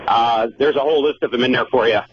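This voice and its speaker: A man with a Wisconsin accent calling in to a radio show, speaking haltingly with many fillers. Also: medium pitch. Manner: hesitant, halting. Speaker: caller. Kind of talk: phone-in call. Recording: lo-fi call with faint noise.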